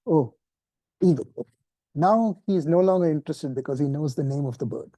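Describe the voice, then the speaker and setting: Dark-voiced man giving a relaxed lesson. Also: on the high side, fast, dry recording. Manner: relaxed, self-deprecating, with chuckles and restarts. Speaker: meditation teacher. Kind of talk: informal spoken lesson.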